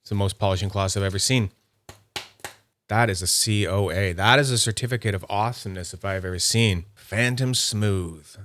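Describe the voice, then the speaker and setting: A man who reviews fidget toys on YouTube gives casual unboxing commentary in a lowish, fairly bright voice at a moderate pace. Nerdy, chatty and upbeat, he thinks aloud while handling and inspecting small items.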